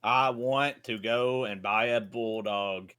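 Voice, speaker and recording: A man's voice: on the low side, slow pace, pushed and bright, clear, resonant tone. A man playing in a tabletop game, eager and casual, cursing now and then. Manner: eager, restless, swears casually. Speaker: player.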